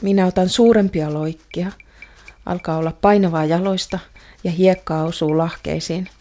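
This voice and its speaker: An earnest young girl tells her own story in a radio drama, voiced by a woman. She speaks hesitantly in a fairly low voice. The telling stays close and first-person throughout. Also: fairly even intonation, mellow, natural voice. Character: young girl longing for her father's approval.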